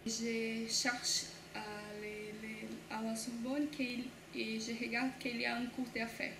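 A woman's voice: fairly high pitch, level tone, takes it slowly, over music. A young Brazilian woman, a student, answering interview questions in hesitant, restarting French. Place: classroom by a window. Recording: echoey room, background noise.

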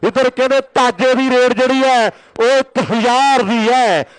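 A man giving excited, urgent rural sports commentary on kabaddi, repeating his calls and announcements. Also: extremely high pitch, normal speed, clean tone, poor audio. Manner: excited, urgent, repetitive calling of play and announcements.

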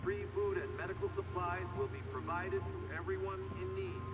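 A man voicing a city emergency announcer, giving a formal warning over a loudspeaker in a video game. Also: high voice, highs cut off, a crowd in the background. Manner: formal, measured official announcement. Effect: loudspeaker public announcement. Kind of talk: scripted game dialogue. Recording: noisy distant loudspeaker in a game.

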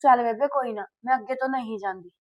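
An actress with a Punjabi accent playing a young daughter-in-law who pleads and placates, in a village short-film drama. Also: female voice, on the high side, quick pace, close to an everyday voice. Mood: pleading.

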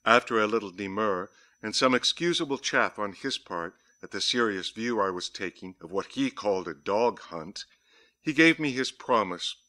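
Male audiobook narrator, lowish pitch, bright forceful tone, measured dramatic reading. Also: lively intonation. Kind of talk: scripted narration of a diary.

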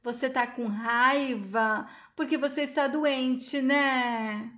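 A spoiled young woman, furious and defiant in a told-aloud soap story, as a woman narrator voices her. Her pitch runs a bit high and her accusations come out shrill. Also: steady tone, takes it slowly, fairly bright tone.

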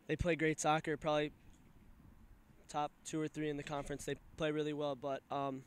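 College player, male, twenties, casual filler-heavy answers, smooth tone, pitched a bit high. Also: flat delivery. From Pennsylvania. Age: 20s. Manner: casual, halting with many fillers. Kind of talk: postgame interview answers. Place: outdoor soccer field at night. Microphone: handheld mic held by interviewer.

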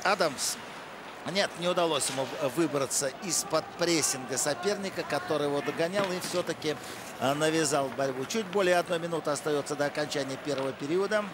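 Halting male hockey commentator, slightly high voice. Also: noisy background. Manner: hesitant, halting delivery with frequent drawn-out filler pauses. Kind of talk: live play-by-play sports commentary.

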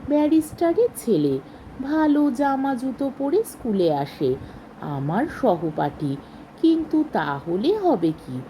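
A woman reading a short story aloud in a slow, measured way with expressive rises. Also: a little high, a little hiss or hum, rough recording.

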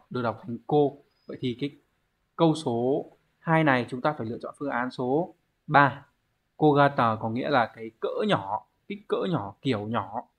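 Guy teaching an online exam prep class, middle pitch, patient, keeps asking the students questions. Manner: explanatory, poses rhetorical questions to students. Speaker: Japanese language teacher.

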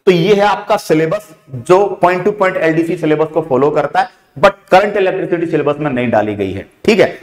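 Hindi teacher in an echoey room. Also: male voice, on the high side, expressive. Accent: Rajasthani Hindi. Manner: brisk listing of topics with frequent "theek hai" fillers; addresses students familiarly as "beta". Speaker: exam prep teacher. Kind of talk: online exam coaching lecture.

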